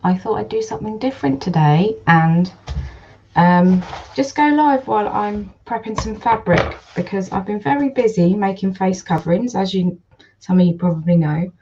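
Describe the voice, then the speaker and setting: A woman with a Geordie accent, slightly croaky, chatting in a rambling casual way while she irons during a livestream at home, greeting viewers by name. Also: medium pitch, moderate pace, darkish tone, muffled recording, a little hiss or hum. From North East England. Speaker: livestream host and online seller.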